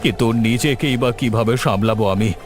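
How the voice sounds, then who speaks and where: Man acting a low-voiced, sensible village gentleman. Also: brisk, faint music behind, lightly acted. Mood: alarmed, distraught. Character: sensible, caring older-brotherly village gentleman. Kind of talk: melodramatic Bengali audio-story acting.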